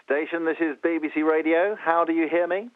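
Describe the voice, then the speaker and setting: A man speaks as a radio interviewer, asking polite, measured questions over a tinny, phone-like link. The sound is dry, with no room around it. His voice is somewhat high for a man. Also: steady tone, clean tone, no room sound. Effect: narrow radio link.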